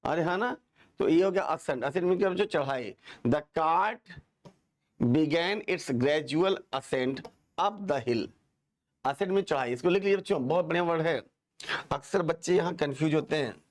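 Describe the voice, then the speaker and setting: A male teacher giving a lively, joking classroom lesson, quizzing students and having them repeat words. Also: fairly high pitch, measured pace.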